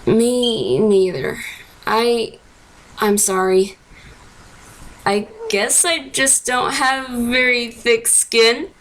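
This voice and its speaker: A woman's voice: a little high, very slow, a bit bright, slight background noise. Woman as Geno, a bitter wounded skeleton. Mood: remorseful, weary. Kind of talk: dramatic comic dub acting.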